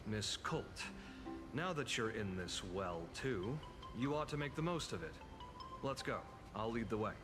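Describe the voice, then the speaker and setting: A man voicing a composed, courteous guide in a video game, explaining lore in a measured, formal way. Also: mid-range voice, lively intonation, over music, lightly acted. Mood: encouraging.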